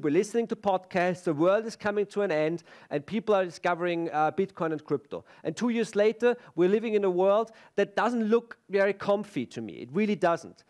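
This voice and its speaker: His voice is high-pitched and darkish in tone. This middle-aged man, a native German speaker with an Austrian German accent, gives a self-deprecating, chatty conference talk on stage, with plenty of fillers and restarts.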